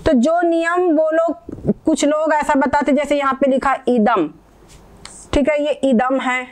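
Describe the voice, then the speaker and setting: High-voiced woman teaching Sanskrit pronunciation. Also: steady tone. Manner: patient, repeats words slowly, checks understanding. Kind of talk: explaining pronunciation lesson.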